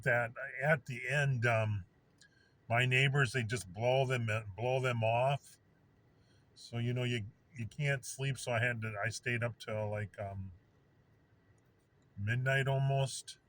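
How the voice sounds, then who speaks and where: A man's voice: mid-range voice, a bit bright. A man talking casually on his own video, rambling with lots of fillers and restarts. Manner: rambling, many restarts and fillers, mimics explosion sounds. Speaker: vlogger.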